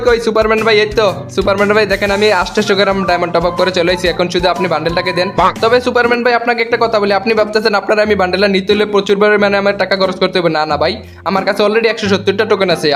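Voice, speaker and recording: A young man with a Comilla Bengali accent, giving excitable, joking live commentary over his gameplay and taunting the opponents he runs into. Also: high voice. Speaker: gaming YouTuber.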